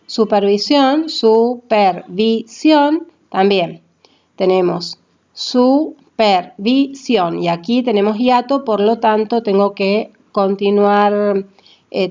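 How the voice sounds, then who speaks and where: A woman's voice: medium pitch, normal speed, a little mellow, muffled recording. A woman language teacher explaining grammar in a classroom manner. She spells out letters and syllables one by one and checks in with her listeners.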